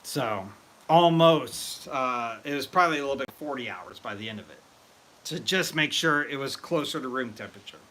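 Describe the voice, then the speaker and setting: A man hosting a casual live stream about brewing mead, excitable and rambling as he chats with viewers. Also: medium pitch, moderate pace. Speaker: livestream host.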